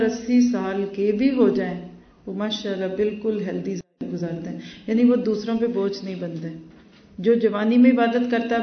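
A woman leads a Quran lesson, reciting verses and then explaining them steadily. She sits well back from the mic, and the room adds a noticeable echo. The recording is dull and lo-fi. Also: medium pitch. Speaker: Quran teacher. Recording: roomy, distant, dull lo-fi recording.

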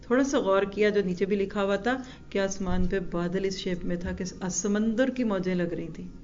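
A woman teaching a religious lesson. She asks her listeners rhetorical questions and recites Arabic verses slowly. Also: medium pitch, darkish tone, highs cut off. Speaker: Quran teacher.

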